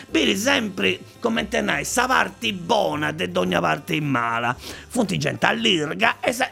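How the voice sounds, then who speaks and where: Gravelly Sardinian man rambling in dialect. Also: sits high, sharp tone. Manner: rambling, repetitive, stumbling over and restarting phrases. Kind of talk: rambling comic monologue in Italian dialect.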